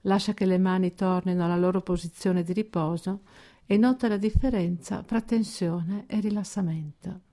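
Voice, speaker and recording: Speaking on the low side, a woman narrates a scripted progressive muscle relaxation session, keeping her guidance calm and measured with purposeful pauses.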